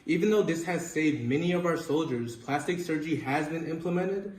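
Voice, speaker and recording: A man's voice: on the high side, a little fast, a little mellow, distant mic, close to an everyday voice. A man playing a formal 1940s medical professor, giving careful scripted answers in a news interview. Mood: formal, sincere. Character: grateful, formal male 1940s army doctor and professor. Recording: echoey, off-mic room with faint noise.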